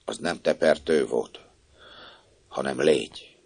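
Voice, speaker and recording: A man with a very low voice reads a novel aloud, lively in his telling and acting out the scenes. The sound is dry and close-miked, with no room echo. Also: creaky, slightly rough. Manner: expressive, acting out the dialogue. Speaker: narrator. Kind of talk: audiobook reading of a novel.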